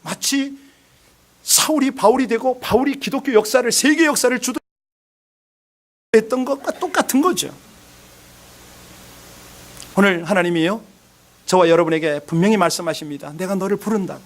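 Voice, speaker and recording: A man's voice: high-pitched, normal speed, long pauses. A male pastor preaching a sermon emphatically, putting rhetorical questions to the congregation.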